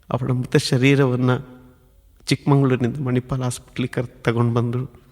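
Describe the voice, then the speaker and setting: A man's voice: medium pitch, a little mellow. A man preaching, telling his personal testimony in an earnest, emotionally building storytelling manner. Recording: long hall reverb.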